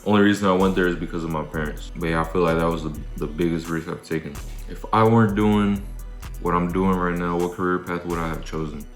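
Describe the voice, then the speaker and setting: A man's voice: low voice, fairly even intonation, quick pace, echoey room, soft background music. A man in his twenties chatting casually in a laid-back, slangy way, thinking aloud as he talks with his mouth full while eating. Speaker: content creator. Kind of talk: casual vlog question-and-answer chat.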